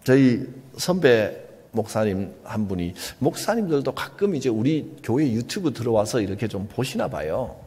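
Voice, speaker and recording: A male pastor with a Gyeongsang Korean accent, preaching an earnest, emphatic sermon with soft asides. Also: mid-range voice, big pitch swings, normal speed, slightly rough, big-room sound. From Gyeongsang region, Korea.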